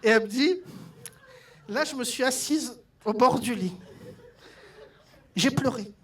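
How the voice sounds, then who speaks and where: A man doing a stand-up comedy set on stage, telling stories with lively delivery and mimicking his mother. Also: extremely high pitch, unhurried. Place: theatre stage with audience laughter.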